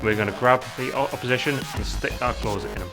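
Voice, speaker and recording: A man's voice: medium pitch, quick pace, over music. A middle-aged man giving plain-spoken interview answers as a team captain.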